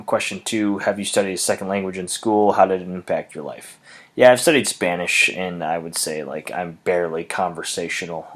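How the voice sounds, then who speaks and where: Deep-voiced young man, halting answers. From Wisconsin, USA. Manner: halting, many ums and restarts. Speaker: language student answering questions. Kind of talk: casual spoken answers to a questionnaire.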